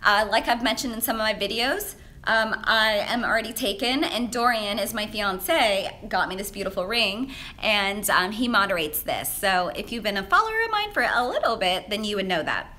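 Here a menswear stylist, a young adult woman whose first language is Vietnamese, answers viewer questions live, animated and pushed-bright at normal speed. Her manner is chatty and upbeat, with frequent laughter and plenty of fillers. She records on a handheld phone held shakily at arm's length, indoors in a high-rise office with big windows.

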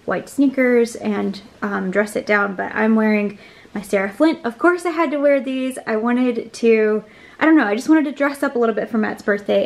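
A woman in her thirties, a lifestyle vlogger, talking to a handheld phone camera in a chatty, upbeat way with frequent laughs. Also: mid-range voice. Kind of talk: casual vlog talk to camera.

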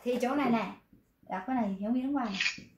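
Lively woman teacher in an echoey room. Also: a little high, noisy background. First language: Vietnamese. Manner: lively, switches between explaining and slow model readings. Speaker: Korean language teacher. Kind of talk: online class teaching pronunciation.

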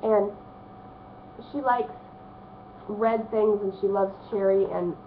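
A young woman with a slightly hoarse voice from a cold, chatting casually at her desk at home in a rambling vlog, with lots of ums. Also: mid-range voice, fairly even intonation, slow pace. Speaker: vlogger. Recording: phone-like narrow band, faint hiss.

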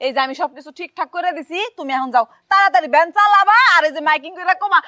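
A woman's voice: very high-pitched, fast, bright, forceful tone, dry recording. A woman playing a bossy, scolding village wife in a comedy skit, nagging and commanding in a rural Bangladeshi accent. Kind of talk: loud comedy skit acting.

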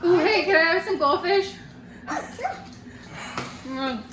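A woman's voice: extremely high pitch, animated, very slow. A woman in her thirties chatting casually in short, uncomfortable remarks, her mouth burning from spicy food. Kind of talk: casual reaction chat. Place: indoors at a home dining table. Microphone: camera on the table in front. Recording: echoey room with faint noise.

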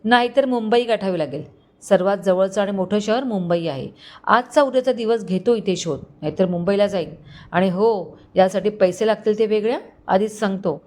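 A woman's voice: medium pitch, normal speed, darkish tone, natural voice. A woman voicing an angry, scheming young man who is a villain in a spoken family story. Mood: grudging. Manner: heated, defiant.

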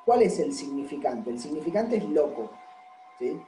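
A man's voice: fairly high pitch, sing-song, normal speed, dark tone, reverberant, a little hiss or hum, low-quality recording. A man giving a university lecture. He explains patiently and keeps checking that the class follows. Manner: explanatory, constantly checks understanding with "¿sí?".

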